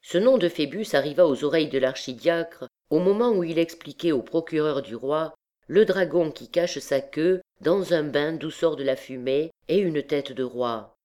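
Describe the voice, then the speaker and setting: A woman narrating a classic novel audiobook in a steady, measured reading. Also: low-pitched.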